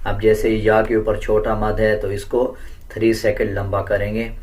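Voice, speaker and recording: A man teaching Quran recitation step by step in a patient, deliberate way, correcting common mistakes. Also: fairly low pitch, completely flat delivery, darkish tone, distant mic. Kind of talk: step-by-step pronunciation lesson.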